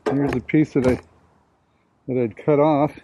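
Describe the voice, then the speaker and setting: Standing outdoors in his suburban front yard, a man in his sixties films himself as an amateur and talks to camera casually, plainly and self-deprecatingly. His mid-range voice is fairly even in intonation and a little slow. The camera mic's distance varies, and outdoor ambient noise comes through clearly.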